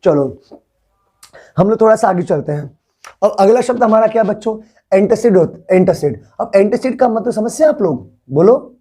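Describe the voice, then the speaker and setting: Brief: young male teacher in a classroom, mellow tone, coaxing, repeats words for students to echo. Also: high voice, lively intonation, normal speed, husky. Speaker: English teacher. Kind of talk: classroom vocabulary lesson.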